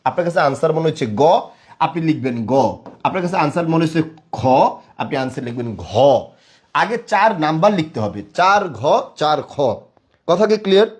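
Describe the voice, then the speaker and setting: A man's voice: fairly high pitch, lively intonation, brisk. A young man teaching a live online class, quizzing viewers and praising them again and again. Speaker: online tutor.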